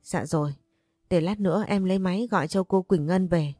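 A woman voicing a devoted young maid in an audio story, speaking anxiously and gently. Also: fairly low pitch, fairly quick, no echo, studio quality, soft background music, close to an everyday voice. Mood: gentle. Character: loyal young female maid, worried and devoted.

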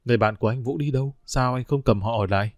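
A man voicing a worried middle-aged wife and mother who asks quick, anxious questions. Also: medium pitch, no room sound, muffled recording, close to an everyday voice.

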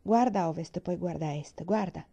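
A woman reading aloud and voicing a stern, quiet pioneer father who speaks in short, hushed lines. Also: on the low side, a little fast, creaky, slightly rough, highs cut off.

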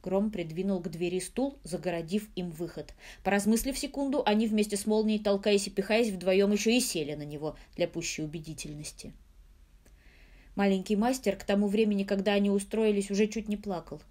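A woman narrating a fairy tale audiobook in an expressive storytelling manner. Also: medium pitch, a little fast.

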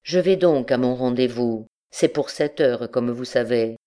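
A woman's voice: rumbling low, unhurried, dark tone, smooth. A woman reading an audiobook, voicing a flippant, hot-tempered young army captain who talks boastfully. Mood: jaunty.

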